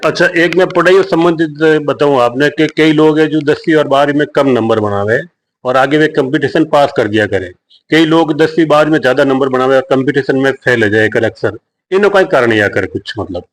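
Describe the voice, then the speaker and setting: A man's voice: mid-range voice, brisk, low-quality recording. A man asks long, rambling questions in a local news interview.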